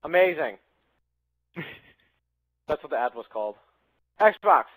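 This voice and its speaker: A man casually chatting while he barks loud voice commands at a game console and laughs often. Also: a little high, very animated, slow pace, breathy edge, no room sound, rough recording. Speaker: gamer trying voice control. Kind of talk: casual gaming chat.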